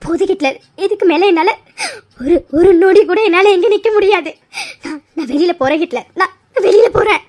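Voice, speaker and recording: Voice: very high-pitched, animated, normal speed. A voice actor playing a hurt, angry young woman in a cartoon who is bitter and tearful, with her voice breaking.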